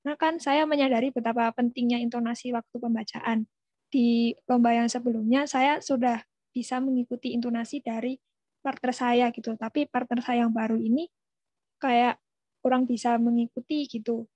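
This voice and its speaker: A young woman speaks up in an online class, slightly high-pitched and hesitant, pausing on fillers as she words her question. The audio is dry and dull, typical of a lo-fi video call. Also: steady tone, a little mellow, dry recording. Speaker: webinar participant asking a question. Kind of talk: casual question in a webinar.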